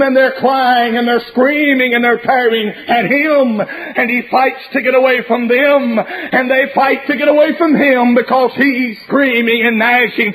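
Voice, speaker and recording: Through rough audio comes a male preacher's strikingly high, slightly bright voice, thundering a sermon of doom. His style is theatrical and repetitive, with drawn-out phrases driving each warning home.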